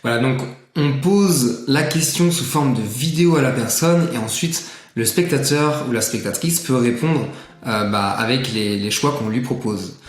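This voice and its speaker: A man casually walking the viewer through a software tutorial, chatty and full of filler sounds. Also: mid-range voice, normal speed. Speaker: tutorial presenter. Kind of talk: casual screen-share tutorial. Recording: echoey room, faint music.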